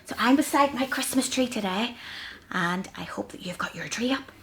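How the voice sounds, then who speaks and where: A woman's voice: medium pitch, lively intonation, measured pace, fairly bright tone. A woman playing a cheery Santa's little helper, talking to small children like an overbright party host in a sing-song way. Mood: bright, encouraging. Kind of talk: children's story-time presenting.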